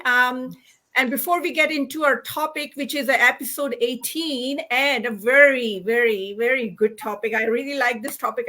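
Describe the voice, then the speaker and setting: A woman's voice: high voice, pushed and bright. A middle-aged woman from India hosting a livestream, explaining a topic earnestly with frequent fillers and restarts. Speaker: host. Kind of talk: livestream talk.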